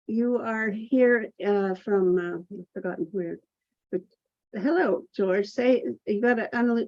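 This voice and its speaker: A woman's voice: mid-range voice, darkish tone, no room sound. A woman hosting and moderating a group video call, speaking hesitantly with restarts and fillers. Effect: video call audio. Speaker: host, moderator. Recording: dull lo-fi video call audio.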